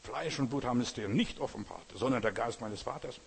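A husky-voiced male pastor delivers a sermon with emphatic repetition, now and then breaking into loud, ringing exclamations. His voice rolls through a church hall with a long reverb tail. He speaks at a middling pitch, fervent and insistent. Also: a little fast. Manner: emphatic preaching, repeating phrases, rising to loud exclamations.

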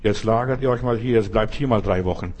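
A preacher voicing God, speaking slowly and emphatically with repeated phrases and a husky voice. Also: male voice, on the low side, a little mellow, voice pushed down, close to an everyday voice. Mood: solemn. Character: God, a calm fatherly male voice.

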